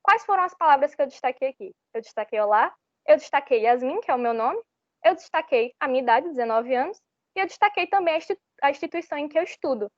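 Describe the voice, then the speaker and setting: A woman's voice: high voice, animated, fast talker, no room sound. A young woman from Brazil giving an online public speaking lesson, explaining step by step and often restarting her phrases. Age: young adult. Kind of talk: online workshop lecture. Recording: slightly muffled, dull sound.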